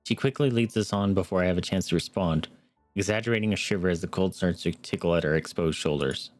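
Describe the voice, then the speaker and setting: Soft music plays behind a dry recording of a young streamer reading a story game aloud, earnest yet sprinkling in wry remarks. His voice sits low and he talks fast.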